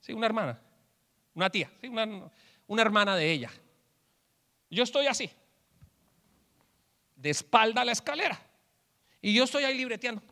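Man, animated storytelling sermon, bright tone, reverberant hall. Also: high-pitched, normal speed, long pauses. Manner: animated storyteller acting out quotes. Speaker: preacher. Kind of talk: humorous sermon with jokes.

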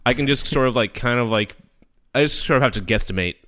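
A man's voice: medium pitch, fast, bright, forceful tone. A man in casual comedic gaming banter who talks hesitantly, full of fillers.

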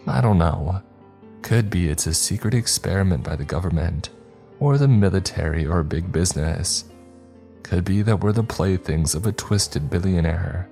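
A man voicing a weary older woman who has survived on an island for decades, speaking gently but bluntly. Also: sits low, animated, moderate pace, creaky, faint music behind. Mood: musing.

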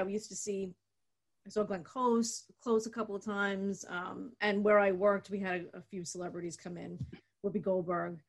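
A woman's voice: mid-range voice, vocal fry. Woman co-host, easygoing conversational delivery with lots of "um"s, middle-range voice. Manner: relaxed, many "um" fillers, laughs along. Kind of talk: casual chat.

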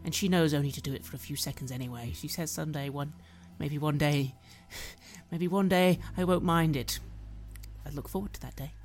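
A woman playing an anxious patient in a tabletop game, talking in a halting, stammering way. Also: deep voice, a little mellow, faint music behind. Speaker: player. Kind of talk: in-character role-play as an anxious patient.

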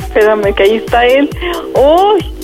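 Brief: nervous giggly woman, high lively voice, slow, music behind. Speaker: prank participant.

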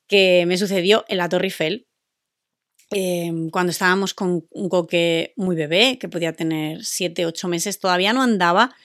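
A woman's voice: fairly low pitch, fairly bright tone, no echo, clean studio sound. A woman, telling a personal story on a podcast in a chatty, hesitant way with many fillers. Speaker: podcast co-host. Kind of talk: casual storytelling. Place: room recorded for a podcast.

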